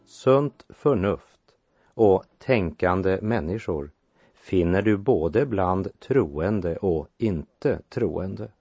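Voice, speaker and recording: A man giving a measured sermon that explains Bible passages and reads verses aloud. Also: deep voice, dry recording. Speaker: preacher. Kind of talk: radio sermon, Bible exposition.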